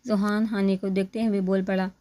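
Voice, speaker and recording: A woman reading a romance novel aloud at a steady, even pace. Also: medium pitch, normal speed. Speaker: narrator.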